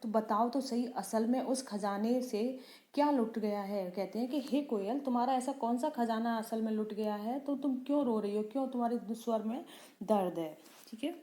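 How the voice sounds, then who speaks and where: A woman teacher explaining a poem line by line. She asks questions and answers them herself, and she slows down for the poem lines. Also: a little high, mellow, echoey room. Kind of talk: Hindi poem explanation lesson.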